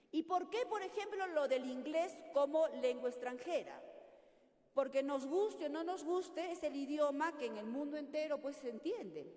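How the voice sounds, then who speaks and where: An older woman from Peru leading a teacher workshop, lively and constantly checking in with her audience. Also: sits high. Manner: animated, questioning audience often. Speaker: teacher trainer. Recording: echoey hall.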